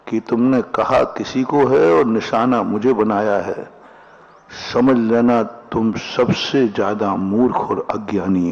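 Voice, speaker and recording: A man giving a Jain sermon as a monk, speaking in a slow storytelling manner and acting out quoted lines and folk sayings. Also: medium pitch, creaky, darkish tone, muffled recording.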